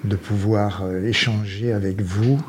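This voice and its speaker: A man's voice: on the low side, fairly even intonation, a little hiss or hum. Older talkative man from Marseille. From Marseille, France. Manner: talkative, searching for words with many pauses. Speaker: guest. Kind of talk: casual radio chat.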